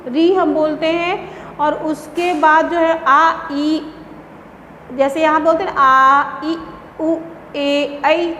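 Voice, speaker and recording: A high-pitched woman teaches a class, patiently repeating terms and posing questions she then answers herself. Her voice rings in a room with a long, echoing reverb. A faint hiss runs under it. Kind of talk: classroom lesson.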